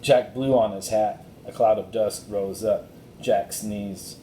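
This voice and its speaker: A man reads a children's storybook aloud, unhurried and full of expression, following the scripted narration. A faint rumble and noise sit under a roomy echo.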